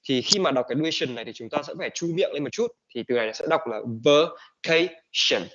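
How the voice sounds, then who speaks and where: A man teaching an online English class, mixing Vietnamese and English with lots of "um" and "uh". His voice sits at an ordinary pitch. The recording is dull and lo-fi. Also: animated, racing. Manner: mixes Vietnamese and English, many fillers.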